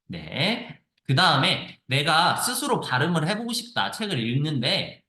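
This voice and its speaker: A man teaching how to use a reading app, explaining with lively repetition as he clicks through a screen-share tutorial. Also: a little high, a little slow, roomy sound. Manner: lively explanatory, repeats phrases.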